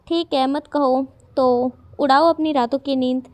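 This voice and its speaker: A woman's voice: high-pitched, steady tone, unhurried, dry recording. Woman doing a playful teasing young man. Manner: teasing, bantering.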